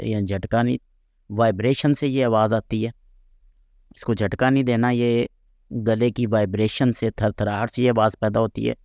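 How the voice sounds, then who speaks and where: A man's voice: fairly low pitch, a little mellow, dry recording, studio quality. A man teaching Quran recitation rules, patiently explaining and repeating sounds aloud to demonstrate them.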